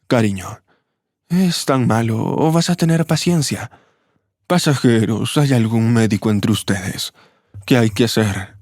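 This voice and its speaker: A man voicing a flustered train conductor asking hurried, helpless questions in a storybook reading. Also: medium pitch, darkish tone, no room sound, studio quality, close to an everyday voice.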